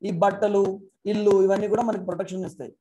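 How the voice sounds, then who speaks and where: A man's voice: high-pitched, little pitch movement, quick pace, dark tone, slight background noise, poor audio. A man lecturing to an online class through a laptop mic, mixing English phrases into his talk and posing rhetorical questions. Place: speaking remotely to an online class. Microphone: external mic plugged into a laptop.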